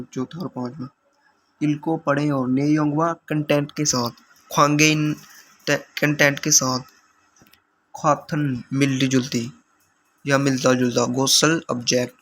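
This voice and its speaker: A man's voice: medium pitch, a bit bright, slight background noise. A man teaching language exam questions, explaining answers patiently step by step.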